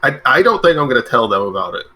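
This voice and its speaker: Male player with a bright, forward voice and a dry, wry delivery. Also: mid-range voice, big pitch swings, fast. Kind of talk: casual tabletop game chat, partly in character.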